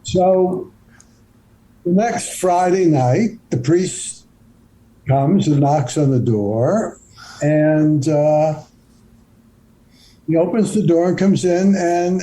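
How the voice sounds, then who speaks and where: A man telling a joke in a measured, unhurried storytelling way as a guest on a talk show. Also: high voice, mellow, poor audio.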